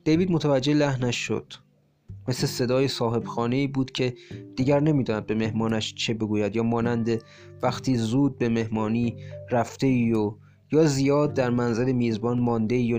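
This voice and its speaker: A male audiobook narrator with a medium-pitched voice reads a short story aloud from a script. His storytelling is measured and steady, accompanied by a faint bed of soft guitar music.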